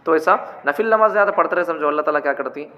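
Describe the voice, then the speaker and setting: A man's voice: a little high, very fast, sharp tone. A man giving a religious teaching talk, repeating his points and asking rhetorical questions. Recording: dull, echoey hall with faint noise.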